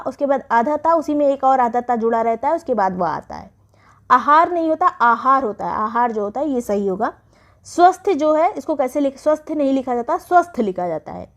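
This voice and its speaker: A woman teacher giving an exam revision lesson, explaining spellings step by step and repeating each word. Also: sits high.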